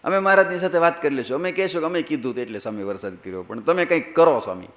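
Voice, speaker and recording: A man's voice: fairly high pitch, expressive, racing, a bit bright. A man voicing weeping rural chieftains who beg for rain. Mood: urgent coaxing. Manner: sobbing, pleading, raised voice.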